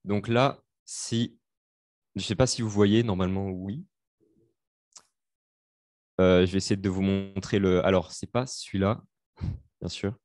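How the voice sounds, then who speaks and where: Young man tutoring, halting with fillers. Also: low-pitched, fairly even intonation, a little mellow, dry recording, clean studio sound. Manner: hesitant, many fillers, explains step by step. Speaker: student tutor. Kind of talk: live online revision session.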